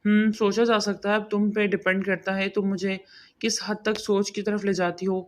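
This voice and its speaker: A brooding, domineering young husband, as a woman reader puts him on in an audio novel. He talks in a low, intense murmur at a middling pitch. The tone stays commanding and close. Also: flat delivery, close to an everyday voice.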